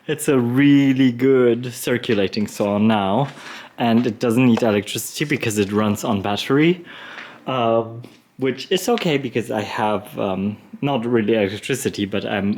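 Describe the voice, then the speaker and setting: A man in his late thirties chatting casually for a vlog, relaxed and often laughing, with many fillers, while showing around a barn and garden. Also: medium pitch. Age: late 30s. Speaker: vlogger. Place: outdoors and in a barn on a rural property.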